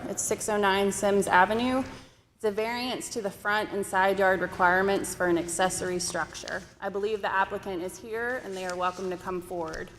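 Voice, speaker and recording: A woman zoning administrator reading case numbers and addresses from a meeting agenda in a formal way, her voice going hoarse. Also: medium pitch, slight background noise. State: losing her voice. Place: city hall meeting chamber. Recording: echoey council chamber.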